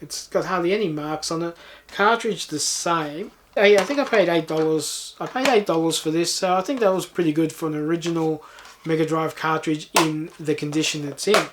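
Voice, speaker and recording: A man's voice: a little high, normal speed, background noise. A man hosting a game collecting video, chatting casually in an understated, unscripted way. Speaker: host of game collecting channel. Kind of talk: casual chat to viewers.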